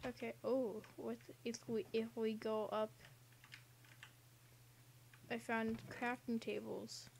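A woman's voice: a little high, level tone, slow, gravelly, long pauses, a little hiss or hum. A young woman casually commenting on a game she is playing, rambling and giggling with silly asides, recorded at home. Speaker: gaming channel host.

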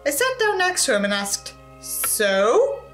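Taking it slowly, the host reads a novel aloud in a high voice with wildly swooping pitch, adding sarcastic, sweary commentary and theatrically acting out dialogue in raised tones. She's indoors before a tinsel backdrop, with soft background music.

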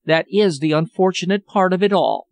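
A man's voice: sits high, normal speed, no room sound, voice pushed up. A man voicing an anxious, refined English lady in an audiobook, speaking in an earnest, genteel, sorrowful way. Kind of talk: audiobook character voice.

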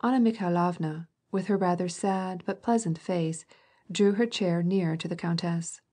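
A woman narrates a classic novel as an audiobook, telling the story in a measured, even manner. Her voice is lowish with a breathy edge.

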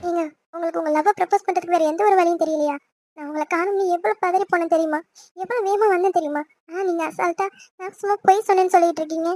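Woman as scolding young cartoon wife, squeaky-high and fast. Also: fairly even intonation, a little mellow, soft background music. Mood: hurt angry. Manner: indignant, scolding. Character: hurt, angry young wife. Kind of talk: fan cartoon voice acting.

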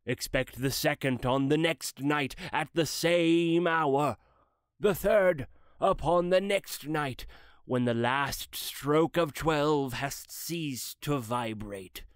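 An actor playing the solemn ghost of a dead old businessman who speaks in slow, grave, mournful pronouncements. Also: fairly high pitch, clean tone, dry recording, studio quality. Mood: urgent warning. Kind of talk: dramatized classic story reading.

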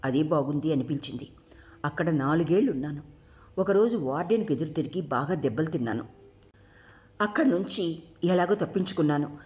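A woman storyteller reading a short story aloud in an expressive way. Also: deep voice, a little fast, long pauses.

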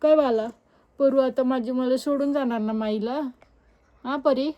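A woman's voice: high voice, a little slow, mellow, highs cut off. A young woman, chatting casually in a family vlog and teasing the kids. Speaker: vlogger.

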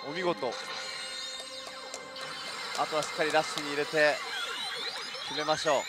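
A man giving excitable live play-by-play commentary on a pachinko game, speaking into a headset mic. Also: fairly high pitch, normal speed. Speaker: pachinko show host. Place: busy pachinko hall, indoors. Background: loud game-machine music.

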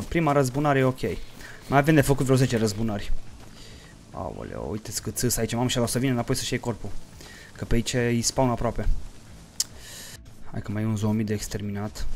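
A man's voice: mid-range voice, noisy background. A man giving let's play commentary, swinging between mumbled play-by-play, profane hot-tempered outbursts and jokey mock-dramatic storytelling to his viewers. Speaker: gaming streamer.

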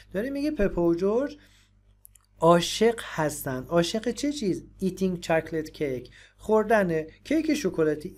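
A woman with Persian as her first language, teaching English and patiently explaining phrases, repeating them slowly. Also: medium pitch, a little mellow.

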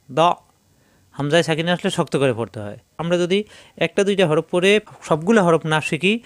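Man slowly drilling Arabic letter sounds. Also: fairly high pitch, no echo. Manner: slow, repetitive drilling of syllables with explanations. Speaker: Quran reading teacher. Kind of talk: step-by-step recitation lesson.

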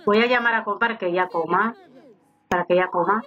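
A woman's voice: mid-range voice, quick pace, a bit bright. A woman giving casual let's-play commentary, chatting to her game characters as she plays. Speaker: gaming YouTuber. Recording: slightly dull home recording with faint game music. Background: faint game music.

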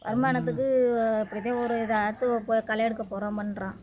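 A woman villager speaking softly outdoors. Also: fairly high pitch, steady tone, fairly quick.

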